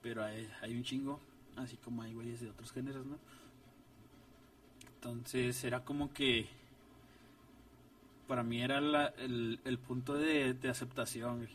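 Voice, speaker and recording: A man's voice: mid-range voice, unhurried, pauses often. A young man from Ciudad Juárez, a ska musician telling a story in casual, slangy chat and acting out the voices of the people in it. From Ciudad Juárez, Mexico. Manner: slangy, animated retelling with voiced quotes. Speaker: ska band musician, guest. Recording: distant mic with faint noise.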